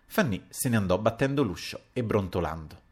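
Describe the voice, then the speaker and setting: A man narrating a classic novel as an audiobook, measured and expressive. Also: on the low side, slightly rough.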